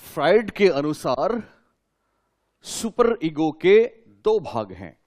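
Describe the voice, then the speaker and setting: A man teaches a class in a fairly high voice. He keeps putting questions to his students and repeats each key term several times so they can write it down. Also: very animated, takes it slowly, darkish tone. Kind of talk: classroom lecture.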